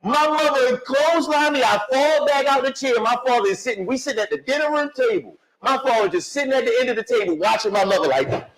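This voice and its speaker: High-voiced man telling stories, lively. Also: quick pace, few pauses, poor audio. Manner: animated storytelling, acts out quotes, laughs often. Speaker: host. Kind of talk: casual barbershop chat. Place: barbershop.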